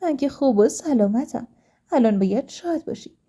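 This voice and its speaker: A woman's voice: sits high, animated, mellow, slightly rough. A woman doing an earnest young daughter. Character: young woman, daughter, cheerful but firm.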